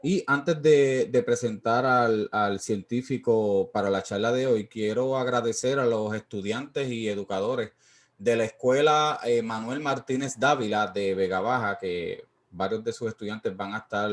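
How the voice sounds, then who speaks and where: Puerto Rican man hosting online talk. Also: lowish voice. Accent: Puerto Rican Spanish. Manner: halting, many fillers. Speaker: host and education coordinator. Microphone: computer mic on a video call.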